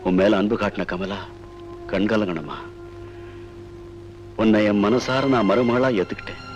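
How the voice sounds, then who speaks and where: A man's voice: fairly low pitch, a little slow, lo-fi sound, soft background music, close to an everyday voice. An actor playing an ailing older father-in-law who speaks in an earnest, pleading way. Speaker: head of the family, father-in-law. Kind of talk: film drama acting.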